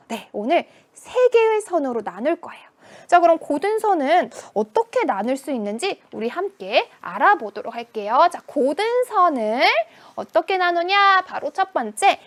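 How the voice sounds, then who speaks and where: A woman's voice: sits high, a bit bright. A woman teaching a children's math lesson, asking questions and answering them in a playful voice. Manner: sing-song, questions and answers to herself.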